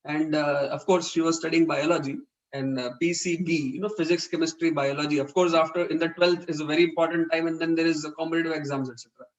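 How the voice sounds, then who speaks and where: In a parenting webinar, a man with an Indian English accent speaks fast in a slightly high, steady voice over dull audio. His delivery is earnest and explanatory, and he acts out quoted conversations.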